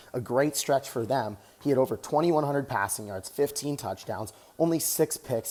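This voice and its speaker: A man's voice: mid-range voice, darkish tone. An American man giving enthusiastic, casual sports commentary as a vlog host while working out on a treadmill. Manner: talking while exercising on a treadmill.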